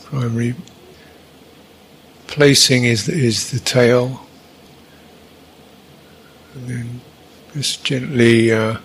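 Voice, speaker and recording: A meditation teacher with a husky, medium-pitched voice guides listeners at a very slow pace. He keeps his delivery flat and even, offering brief, halting instructions spaced out by long gaps.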